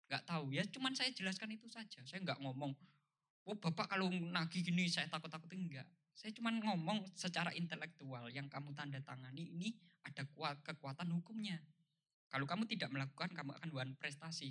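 A man leads a motivational seminar in a bright, forceful voice that sits a little high. He drives his points home by repeating them and keeps asking his listeners rhetorical questions. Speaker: seminar speaker. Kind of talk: motivational seminar talk to a live audience.

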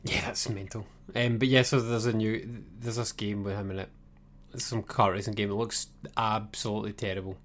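A man co-hosting a casual video game podcast, easygoing and a little hesitant, filling pauses with "um" and "like" and laughing along. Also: fairly low pitch, little pitch movement, a bit bright. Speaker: podcast co-host. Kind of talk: casual chat.

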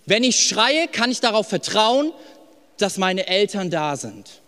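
A young man preaching a sermon in a personal, emphatic way, dropping to soft lines and rising to loud ones. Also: high-pitched, big pitch swings, measured pace. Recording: long hall reverb with faint music.

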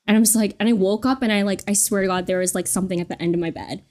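Young female podcast co-host, mid-pitched, rambling filler-heavy storyteller. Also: fairly even intonation, racing, darkish tone. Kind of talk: casual chat, storytelling.

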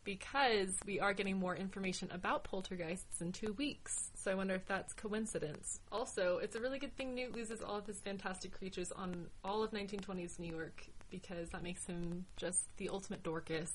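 A woman's voice: medium pitch, fairly quick, hardly any pauses, a little hiss or hum, rough recording. Chatty woman podcast co-host. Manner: chatty, laughs easily, thinks aloud. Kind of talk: casual podcast discussion.

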